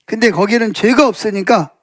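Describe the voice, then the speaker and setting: A male pastor giving a Sunday afternoon sermon in a conversational storytelling way, full of fillers and asides, raising his pitch to act out quoted speech. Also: a little fast, no echo, clean studio sound. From South Korea.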